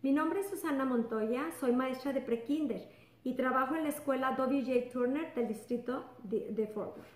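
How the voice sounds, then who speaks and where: A woman preschool teacher explains a simple activity to parents step by step. Her voice is high and friendly. She sounds a little away from the mic in an echoey room. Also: normal speed, recorded from a distance. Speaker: pre-kindergarten teacher. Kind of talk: instructional video for parents.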